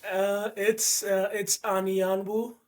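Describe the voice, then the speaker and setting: A man's voice: high-pitched, flat delivery, slow pace. Hesitant man in his thirties, from India. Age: 30s. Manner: hesitant, restarts often. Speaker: guest, mobile technician. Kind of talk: casual podcast interview.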